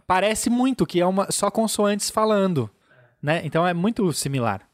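A man's voice: sits high, expressive, normal speed, no echo. A man with a Brazilian Portuguese accent, a podcast co-host patiently explaining things in casual chat, often adding "né?". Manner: patient explainer, peppers sentences with "né?".

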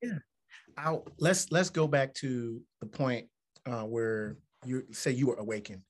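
This interview features a musician and motivational speaker, a man in his 40s from Alabama, United States, talking in an unhurried, medium-pitched, mid-range voice. He comes across as earnest and reflective, rising to emphatic points.

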